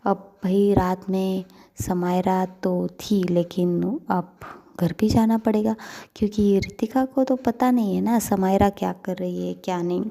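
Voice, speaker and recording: A woman's voice: mid-range voice, fairly even intonation, unhurried, vocal fry, dark tone. A young woman narrating a story casually, chatty with many fillers, talking to her listeners.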